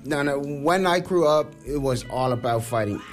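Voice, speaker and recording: A young guest musician from Samoa talks casually in an interview, his phrasing laid-back, loose, and repetitive. He has a mid-range voice with lively intonation and a moderate pace, and faint music plays behind him.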